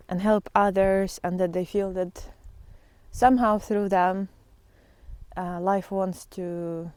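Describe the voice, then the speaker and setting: A woman with a medium-pitched, darkish voice talks informally about spiritual matters to followers while vlogging on a walk. She speaks haltingly and reflectively, with long pauses, and there is no echo.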